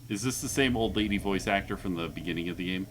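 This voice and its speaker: A man's voice: sits low, quick pace, fairly bright tone, slight background noise. A man giving casual commentary as he plays through a video game. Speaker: gamer doing a playthrough.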